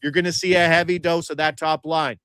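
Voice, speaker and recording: Man, feisty betting host, argumentative, higher voice, dry sound. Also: level tone, fairly bright tone, clear, resonant tone, no echo. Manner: feisty, argumentative, rapid-fire stats. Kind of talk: casual sports betting chat.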